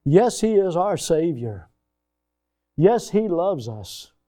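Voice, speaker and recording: A man preaching a sermon, emphatic and rising to loud peaks. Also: high-pitched, sing-song, slow.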